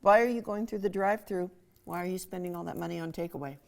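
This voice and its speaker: Chatty woman cooking expert, lower voice. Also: fairly even intonation, fast, vocal fry, darkish tone. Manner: chatty, enthusiastic, laughs easily. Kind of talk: studio cooking segment chat.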